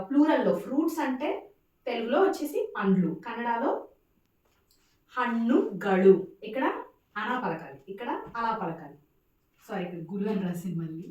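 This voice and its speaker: A woman teaching a casual spoken language lesson, repeating words slowly for pronunciation and mixing in English phrases. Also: mid-range voice, a little mellow. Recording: echoey room, distant mic.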